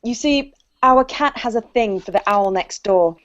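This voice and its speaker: A woman's voice: mid-range voice, a little slow, close to an everyday voice. A woman reading an anxious wife who insists on reporting her missing cat, for a children's play. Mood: flustered. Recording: dull lo-fi video call audio.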